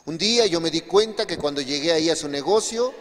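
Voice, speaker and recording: A fairly high-voiced man preaching in a church hall. He tells his testimony emphatically, dropping low and then rising again. A long reverb trails each phrase. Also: expressive, brisk. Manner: emphatic storytelling, swinging between quiet and raised passages. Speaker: pastor. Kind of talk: sermon with testimony.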